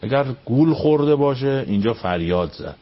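A man, a cleric, giving a storytelling religious lecture. He fires off rhetorical questions, climbs high when stirred and sinks to near-whispers. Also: expressive. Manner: impassioned, rising up high on questions, then dropping to near-whispers. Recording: dull radio broadcast sound.

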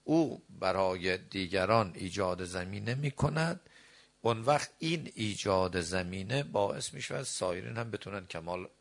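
A middle-aged man preaching a sermon, reciting verses and scripture and then explaining them, moving between slow deliberate phrases and quick asides. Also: sits low. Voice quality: gravelly.

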